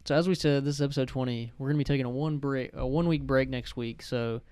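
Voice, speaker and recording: Young male podcast host, clear resonant voice, dry close sound, casual and rambling. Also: medium pitch, steady tone, quick pace, darkish tone, no echo. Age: young adult. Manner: rambling, self-correcting.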